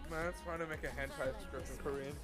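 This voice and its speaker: A teammate chatting casually during a game, relaxed and amused. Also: medium pitch, fast. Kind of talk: casual gaming chat. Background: music.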